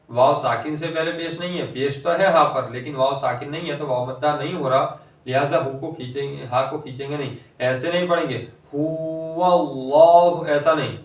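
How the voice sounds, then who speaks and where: A male Quran reading teacher, explaining pronunciation rules and reciting words slowly and drawn out. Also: mid-range voice. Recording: echoey room, voice from a distance.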